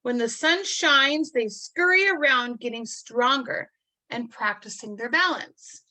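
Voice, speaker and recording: Slow, bright-voiced woman reading aloud. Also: fairly high pitch, low-quality recording. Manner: adds chatty explanatory asides between passages; marvels aloud in a gentle, teacherly way. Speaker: reader of a children's picture book. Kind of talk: reading a picture book aloud to children.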